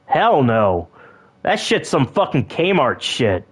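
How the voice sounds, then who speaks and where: A man's voice: mid-range voice, big pitch swings, takes it slowly. Swearing, ranting male streamer. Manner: ranting, swears constantly, mock-angry. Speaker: gaming streamer. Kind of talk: profane comic commentary over a game.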